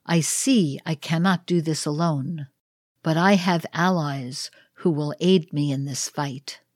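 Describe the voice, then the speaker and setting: A woman voicing the Green Man of Spring, a solemn heroic champion, declaiming slowly in a read-aloud ritual play. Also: deep voice, dry recording, studio quality.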